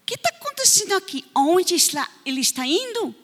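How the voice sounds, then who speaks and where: A woman voicing a little boy who is worried and eager to play, in a high childlike voice. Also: big pitch swings, a little fast, fairly bright tone, long reverb tail, full character voice. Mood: insistent.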